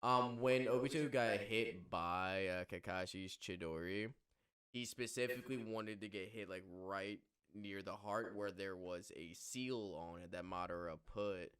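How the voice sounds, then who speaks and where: A man with a fairly low voice, talking in a loose, excited ramble full of "like" and restarts. He co-hosts a casual podcast, and his voice rings in a roomy, echoey space. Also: a little slow. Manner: excited, rambling with many fillers. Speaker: podcast co-host. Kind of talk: casual chat.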